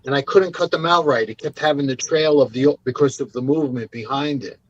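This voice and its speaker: A man's voice: medium pitch, brisk, no room sound. A man joining a live stream from a remote call, laid-back and easygoing, chatting casually. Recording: dry, muffled call audio.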